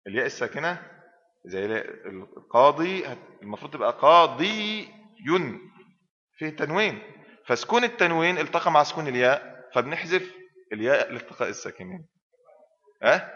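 A man's voice: fairly high pitch, lively intonation, fast, long pauses, a bit bright. A man with an Egyptian accent, a sheikh giving a classroom lesson, constantly asking his students questions and completing the answers himself. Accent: Egyptian Arabic. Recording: reverberant hall, dull lo-fi sound.

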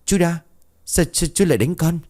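A man's voice: on the high side, animated, normal speed, dark tone, voice pushed up, close to an everyday voice. A man voicing a startled, cheeky young village man in a ghost story. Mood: protesting.

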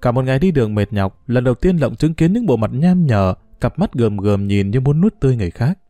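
Mellow male audiobook narrator. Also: mid-range voice, fast, no room sound, faint music behind. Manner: steady, storytelling.

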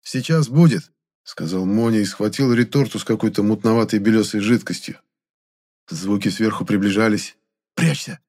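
A man reading a first-person audiobook in a steady storytelling manner. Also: lowish voice, a little fast. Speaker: audiobook narrator.

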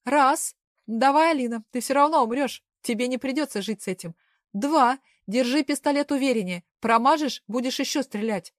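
A woman's voice: on the high side, normal speed, hardly any pauses, no echo, studio quality, lightly acted. A woman reading an audiobook, voicing a dangerous, cold female gang boss who barks orders and threats. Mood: shouting. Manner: taunting, commanding, shouting threats.

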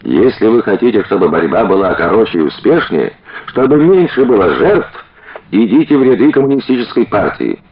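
A man's voice: lowish voice, very animated, brisk. A man reading an audiobook and voicing an impassioned male revolutionary orator who fires off rousing rhetorical questions at a rally. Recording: dull lo-fi audiobook recording.

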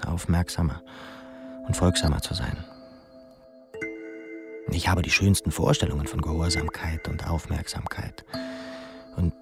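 In a radio drama monologue, an actor with a low male voice plays a wry, dreamy, self-mocking young pupil, musing and halting theatrically. Music plays behind his voice.

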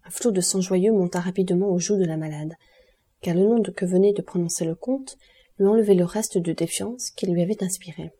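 A woman narrating a classic novel as an audiobook, in a measured, even storytelling manner. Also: fairly low pitch, breathy edge. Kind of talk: scripted literary narration.

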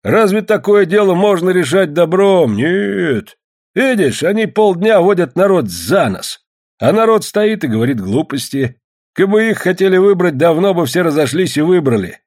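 A man's voice: sits high, a little mellow, voice pushed up. A man reading an audiobook, voicing a defiant, indignant gold miner who urges others not to give in. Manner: urging, indignant. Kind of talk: audiobook character voice.

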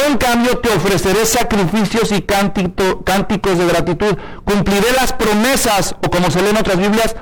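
A male pastor, preaching in a fairly high voice. He speaks to his listeners in a direct, colloquial, animated way and stretches key words for emphasis. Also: a little hiss or hum, low-quality recording. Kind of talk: sermon.

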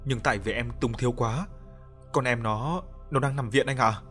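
A man's voice: mid-range voice, moderate pace, fairly bright tone, faint music behind, lightly acted. A man voicing a desperate father in debt, who pleads and cries out in an audio story. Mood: pleading. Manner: pleading, then screaming. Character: desperate grieving indebted father.

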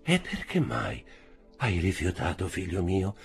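A man reading an audiobook, voicing a gentle, frail old father who speaks softly and tenderly. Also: low-pitched, wildly swooping pitch, a little slow, gravelly, soft background music, heavily acted. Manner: soft and tender.

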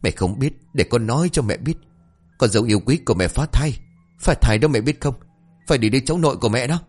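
A man's voice: mid-range voice, lively intonation, fairly quick, slightly rough, soft background music, pitched above the performer's own voice. A man doing an enraged young husband. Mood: bitter. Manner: shouting accusations, raised and harsh.

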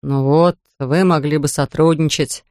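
A reader voicing a tired, gentle middle-aged fisherman who speaks slowly and evenly, read close to a dry studio mic. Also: mid-range voice, fairly even intonation, dry recording, close to an everyday voice. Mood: calm.

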